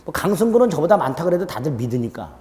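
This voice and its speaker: A middle-aged man giving a law lecture to a class, chatty and self-teasing, often dropping to a low murmur. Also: big pitch swings, fast, dark tone, in a large hall, a little hiss or hum. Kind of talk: classroom lecture with joking asides. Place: lecture room with students.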